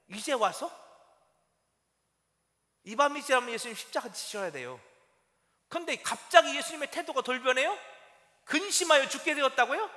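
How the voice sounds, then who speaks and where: A male pastor preaching a Sunday sermon in a church, animated and asking his congregation rhetorical questions. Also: high-pitched. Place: church sanctuary. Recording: long church-hall reverb.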